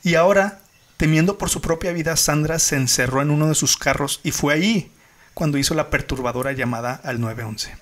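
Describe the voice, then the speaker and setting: A man's voice: fairly high pitch, a little fast. A man hosting a podcast, retelling a story in a casual, dramatic way. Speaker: podcast host.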